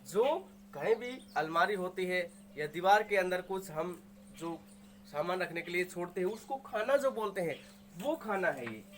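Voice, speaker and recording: Speaking at a normal speed, this man explains Hindi grammar to his students in a high-pitched, expressive voice with a fairly bright tone. He pronounces every word carefully, repeats it with patience, and poses questions he then answers himself. A little background noise can be heard.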